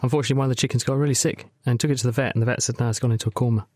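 A man hosts a science radio programme, moving quickly between guests and callers. He cracks quick jokes as he goes, in a middle-pitched voice. The studio sound is dry and close. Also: steady tone, mellow, no echo. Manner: jokey, brisk, quick to tease. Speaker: radio show host. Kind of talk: hosting a science phone-in.

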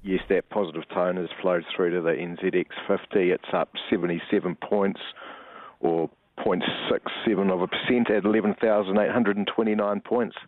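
A man's voice: sits low, steady tone, normal speed, no room sound. A man with a New Zealand accent reading out stock prices in a live market report, reeling off figures one after another. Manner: reels off share prices and figures in a list. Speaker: investment firm market commentator on a news show. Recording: narrow phone-like line.

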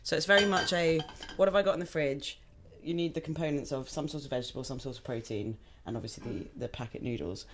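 A woman's voice: deep voice, fast talker, hardly any pauses. A young woman from Hong Kong chatting casually while she cooks, laughing often. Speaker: home cook guest. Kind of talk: casual chat while cooking.

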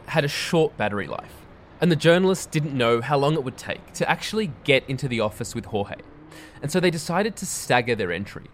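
A man hosting a podcast, narrating a story in a measured storytelling manner. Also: medium pitch. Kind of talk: scripted narration.

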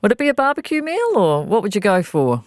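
A woman's voice: mid-range voice, big pitch swings, quick pace, dry recording, studio quality. A woman hosting a radio interview, asking friendly conversational questions. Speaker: radio host.

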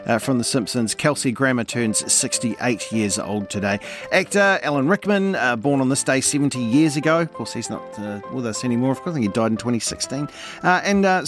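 A man in his fifties with a New Zealand accent hosts a casual radio segment. He keeps it light and jokey, with an everyday mid-range voice. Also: medium pitch. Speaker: radio host.

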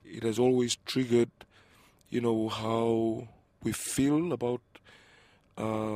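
Soft-spoken man from Fiji, flat delivery. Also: mid-range voice, dry recording. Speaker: community worker interviewed. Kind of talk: reflective interview talk.

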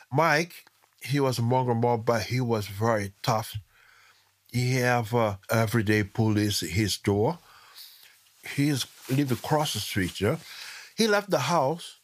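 A middle-aged man with a Brazilian Portuguese accent who speaks Portuguese natively, telling a family story in lively, broken English. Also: medium pitch. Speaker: immigrant parent telling a story.

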